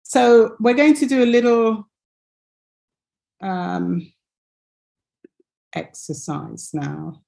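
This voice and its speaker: Slow, hesitant woman teaching pronunciation. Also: mid-range voice, expressive, vocal fry, dark tone. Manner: slow, hesitant, many fillers and restarts. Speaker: English teacher. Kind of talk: online pronunciation lesson.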